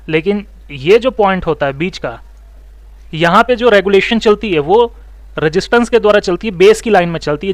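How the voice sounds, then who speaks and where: Man, repair instructor, fast explainer, quizzes students, high voice, dry close sound. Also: no room sound. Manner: explains step by step, asks students questions and tells them to write notes; talks fast, says so himself. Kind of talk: online electronics lesson.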